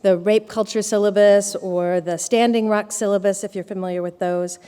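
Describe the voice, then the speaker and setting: Female presenter, mid-pitched voice, narrative talk with "um"s, long hall reverb. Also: fairly even intonation, normal speed, dark tone, clear, resonant tone. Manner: storytelling delivery with hesitant fillers. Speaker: conference presenter. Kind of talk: lightning talk.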